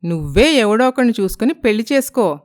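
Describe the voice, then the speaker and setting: A woman's voice: fairly high pitch, expressive, brisk, no room sound, studio quality, close to an everyday voice. A woman voicing a gossiping village aunt who talks in a mocking, needling way.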